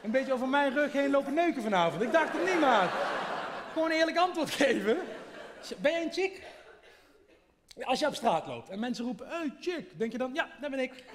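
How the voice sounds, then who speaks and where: A man doing stand-up, teasing and quizzing his audience in a deadpan way on a theater stage. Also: very high voice, a little fast. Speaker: stand-up comedian. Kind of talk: stand-up crowd work. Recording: live hall with long reverb, crowd laughter.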